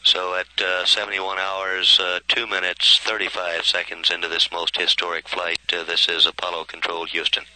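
A man giving live spaceflight commentary as a mission control announcer, halting with very frequent pauses and uhs. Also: sits low, completely flat delivery, bright, forceful tone, no room sound, poor audio.

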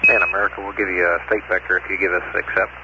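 Deep-voiced man over crackling space radio. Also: flat delivery. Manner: brisk, businesslike, with frequent "uh" pauses. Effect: crackling space radio transmission. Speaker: mission control radio operator. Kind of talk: clipped radio procedure talk. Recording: noisy muffled archive radio link.

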